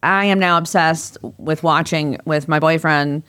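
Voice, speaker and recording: A woman co-hosting a podcast in casual chat, animated and opinionated. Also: low-pitched, unhurried. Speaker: podcast co-host.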